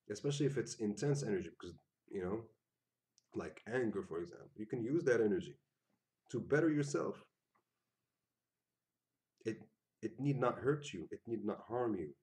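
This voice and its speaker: A man giving an earnest, casual spiritual talk, often repeating himself and acting out quoted lines in sudden loud bursts. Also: fairly low pitch. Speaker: spiritual teacher.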